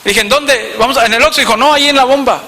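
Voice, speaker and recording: A man's voice: very high-pitched, racing. A man with a northern Mexican accent, a pastor telling a story in a sermon and speaking straight to his congregation. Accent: northern Mexican Spanish. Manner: storytelling, animated, addresses congregation directly. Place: church hall. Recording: reverberant church hall.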